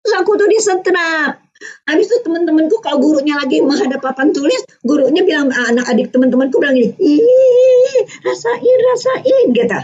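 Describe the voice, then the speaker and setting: A woman's voice: high voice, expressive, a little fast, darkish tone, lo-fi sound, voice pushed up. A woman voicing an upset schoolgirl who whines and denies her feelings. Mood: sulky, weepy. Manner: whiny, pouting denials. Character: upset schoolgirl, sulky and weepy.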